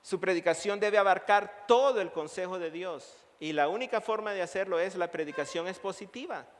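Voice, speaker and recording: A man's voice: high-pitched, fairly quick. A male pastor preaching a sermon, emphatic, building his points through long repeated lists. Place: church sanctuary. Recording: long reverb of a church hall.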